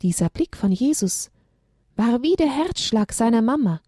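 A woman reading a children's story aloud, expressive and dramatic. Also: on the high side, normal speed, no room sound, clean studio sound.

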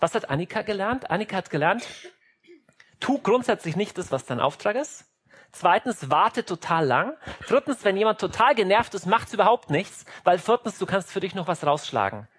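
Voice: medium pitch, very animated, moderate pace, slightly rough. A preacher delivering an emphatic sermon, teaching through everyday family examples and briefly acting out the scenes.

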